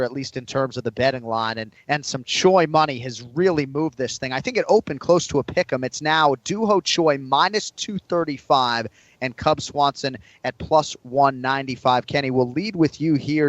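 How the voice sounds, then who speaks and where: A man hosting a casual sports podcast, relaxed, reading out betting odds and swearing now and then. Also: medium pitch, no echo, lo-fi sound. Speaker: podcast host.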